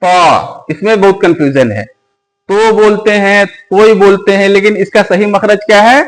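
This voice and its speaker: A man teaching Quran letters, asking questions and repeating each letter slowly and patiently. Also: high-pitched, poor audio.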